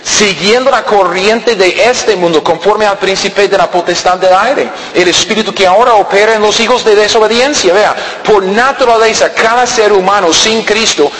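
A man's voice: moderate pace, few pauses. Man preaching in an echoing hall. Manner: preaching with wide swings between raised emphatic lines and low quiet asides. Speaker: pastor. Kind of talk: sermon. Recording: distant in a reverberant hall.

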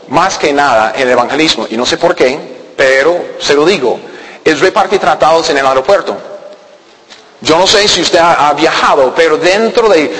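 Halting pastor, long hall echo. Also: male voice, fairly high pitch, a bit bright. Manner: halting, with many repeated words and restarts; conversational, asking listeners if they follow. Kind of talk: storytelling sermon. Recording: long reverb of a large hall.

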